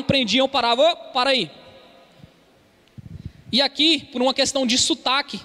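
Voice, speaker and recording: A man's voice: very high voice, bright, forceful tone. A man with a Brazilian Portuguese accent preaching an earnest expository sermon in a church hall, calling his listeners brothers. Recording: long hall reverb.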